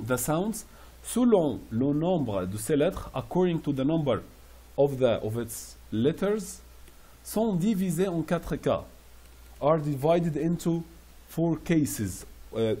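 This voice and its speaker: Husky dark-voiced guy teaching french phrases, says each one over and over real slow. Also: a little high. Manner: explains French phrases in English, repeating each slowly. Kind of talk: classroom phrase lesson.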